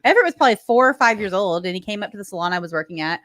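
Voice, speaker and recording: A woman's voice: mid-range voice, animated, very fast, fairly bright tone, dry recording, studio quality. A woman co-hosting a podcast, a mother telling a candid story in casual chat. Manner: candid storyteller, laughing while she tells it.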